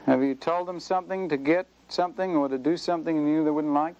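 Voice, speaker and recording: Earnest man preaching, slightly high voice. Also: fairly even intonation, quick pace, a little mellow, highs cut off, slight background noise. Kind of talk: sermon.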